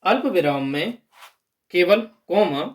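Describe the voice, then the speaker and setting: A man's voice: high voice, lively intonation, slow. A man teaching a grammar lesson for exam prep, explaining step by step and stressing key terms.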